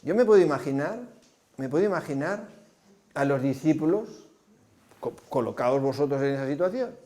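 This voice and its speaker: A preacher delivers a sermon in a somewhat high but mellow, warm voice. He paints scenes vividly and keeps turning to his congregation with rhetorical questions. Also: lively intonation, moderate pace.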